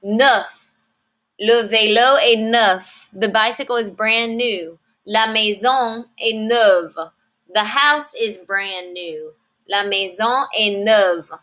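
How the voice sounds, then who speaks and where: Woman giving a french lesson, bright clear voice, slow careful drills then quick explanations. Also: medium pitch. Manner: repeats words slowly for pronunciation, then explains quickly. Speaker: French teacher.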